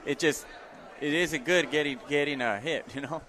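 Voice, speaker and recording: A man's voice: a little high, moderate pace, sharp tone. A man co-commentating on boxing in a casual, agreeable way, affirming his partner and adding analysis. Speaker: former fighter. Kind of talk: casual live fight analysis.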